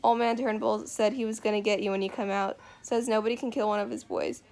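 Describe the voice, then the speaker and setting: A woman's voice: medium pitch, flat delivery, fast, darkish tone, lightly acted. A woman reading the lines of a lonely, bitter middle-aged farmer man who rambles in a drawling rural dialect. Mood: talkative.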